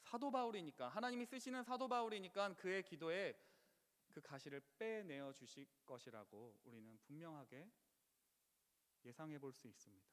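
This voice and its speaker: A man's voice: on the high side, expressive, normal speed, fairly bright tone. A man preaching a Friday prayer sermon, earnest and pleading, now and then crying out with feeling. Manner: earnest, pleading, rising to impassioned outcries. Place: church sanctuary. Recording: long church hall reverb.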